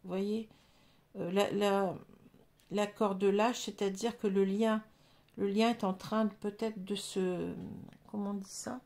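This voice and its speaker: A woman's voice: mid-range voice, steady tone, slow pace, a little mellow. A woman with a French accent giving a casual tarot reading to her viewers, hesitant and full of fillers, often checking that they follow her. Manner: hesitant, many fillers, addresses viewers directly. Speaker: tarot reader.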